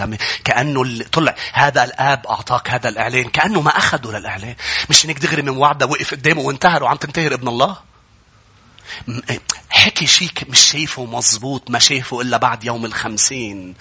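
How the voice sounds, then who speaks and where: A pastor preaching a sermon in a Lebanese Arabic accent, rising from quiet storytelling to loud, impassioned shouts. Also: male voice, medium pitch, husky.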